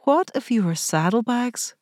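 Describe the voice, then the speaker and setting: A defiant young gentlewoman, played by a woman narrator who speaks with a thick accent and a sharp, commanding edge. The pitch ranges widely in storybook style. The sound is close and dry, with no room in it. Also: lively intonation, a little slow, no room sound.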